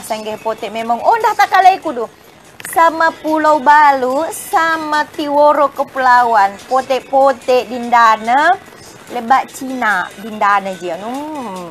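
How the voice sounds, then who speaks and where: Livestream host, woman, higher voice, chatty and halting, faint music under. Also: a bit bright. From Bajau community of Indonesia. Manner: chatty, greets viewers by name, many hesitant fillers. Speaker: live-stream host. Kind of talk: casual live-stream chat.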